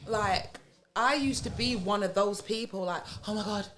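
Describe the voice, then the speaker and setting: A woman's voice: medium pitch, moderate pace, fairly bright tone. A woman in her thirties from England with a London accent, a podcast guest talking frankly and swearing freely in casual chat, laughing often. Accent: London English. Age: 30s.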